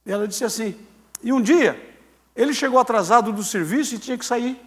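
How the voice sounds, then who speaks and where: An extremely high-pitched, brisk man's voice: a pastor in his sixties spinning a sermon story. He is animated, acting out each quoted voice as he goes.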